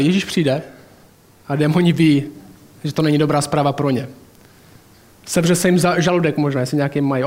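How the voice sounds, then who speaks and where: A man's voice: fairly high pitch, a little mellow. A man preaching a sermon in a colloquial, chatty way, mixing in personal anecdotes and asides.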